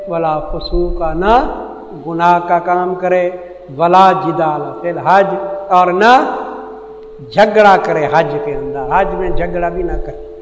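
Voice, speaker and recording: High-voiced Pakistani cleric in an echoing hall. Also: male voice, a little hiss or hum. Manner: explains verse by verse, asks the audience questions. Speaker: Quran teacher. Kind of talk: Quran commentary lecture. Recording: echoey hall recording.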